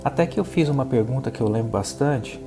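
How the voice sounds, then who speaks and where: A man from Brazil with a Brazilian Portuguese accent, giving a spiritist lecture and telling a personal story in an earnest, reflective way, halting with many fillers. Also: medium pitch, lively intonation, over music. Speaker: guest speaker at a spiritist center.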